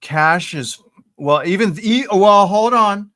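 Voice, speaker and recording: Male live-stream host, playful and teasing, slightly higher voice. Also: lively intonation, takes it slowly. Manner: playful, teasing, shouts out viewers. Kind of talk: casual live-stream chat.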